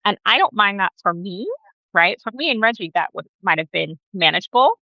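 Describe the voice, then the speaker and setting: A woman born in Guyana, talking as an interview guest in a relaxed, conversational way and often adding "right?" to her points, over a video call. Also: mid-range voice, brisk, creaky, no echo, muffled recording. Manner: conversational, frequent "right?" asides.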